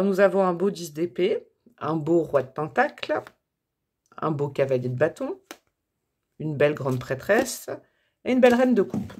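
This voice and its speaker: A woman's voice: lowish voice, a little hiss or hum. A French woman chats her way through a tarot reading for her channel's viewers. Her talk is loose and friendly, with fillers, restarts and little asides. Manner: chatty, warm, many fillers and self-corrections. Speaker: tarot reader and channel host. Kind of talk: casual tarot reading to camera.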